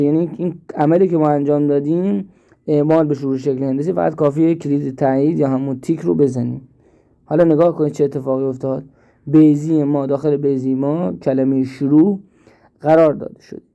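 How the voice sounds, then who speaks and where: A man teaching an app step by step, slowly and with repeats, in a screen-recorded tutorial. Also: fairly high pitch, steady tone, vocal fry, mellow, dull audio. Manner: slow step-by-step explaining, repeats himself. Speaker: instructor.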